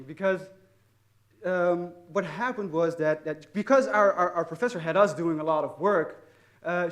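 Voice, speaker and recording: A young man with a Dutch accent telling an audience about his student project, often repeating words and poking fun at himself. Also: sits high. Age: young adult. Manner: hesitant, repeats words often, self-mocking humor. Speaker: student speaker. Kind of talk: personal story told to an audience.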